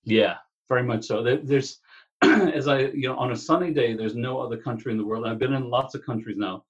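This Texan guest, a business coach, has a brisk, breathy, mid-range voice. He chats casually in an interview, rambling and restarting often, over a dull, lo-fi remote connection.

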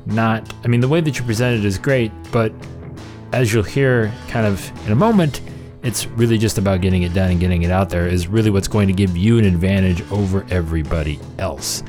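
A man's voice: lowish voice, fairly quick, a little mellow, faint music behind. A man hosting a podcast with casual conversational commentary, rambling and interrupting himself as he emphasizes his points. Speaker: podcast host.

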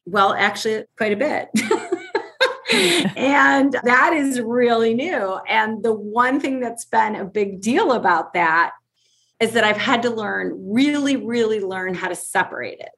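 A woman's voice: mid-range voice, unhurried, a bit bright. A woman in her forties, a guest in an interview, speaking bluntly and frankly with emphasis. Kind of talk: conversational interview.

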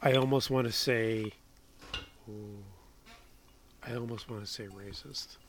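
A man's voice: on the low side, steady tone, a little slow. A man co-hosting a casual podcast about film awards, chatty and trailing into mumbles. His recording has a faint background hiss. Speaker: podcast co-host.

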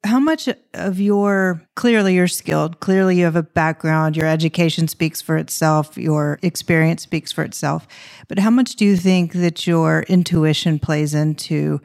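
A woman's voice: deep voice, steady tone, normal speed, gravelly, darkish tone. A woman hosting an interview, asking long and considered questions with curiosity. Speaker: interview host. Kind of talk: casual interview talk.

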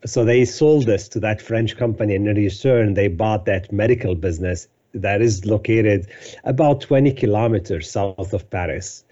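A man's voice: lowish voice, moderate pace, warm tone, lo-fi sound. A man in his fifties from Lebanon, a company CEO telling his career story as a podcast guest in a detailed, conversational way. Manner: detailed storytelling with frequent fillers. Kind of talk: conversational interview answers.

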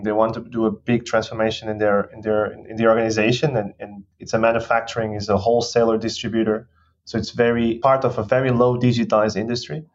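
Man, 30s, from Portugal, low voice, thoughtful restarts, dull lo-fi recording. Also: a little hiss or hum. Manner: thoughtful, with restarts and non-native phrasing. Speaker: guest executive. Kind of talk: podcast interview. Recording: dull lo-fi sound.

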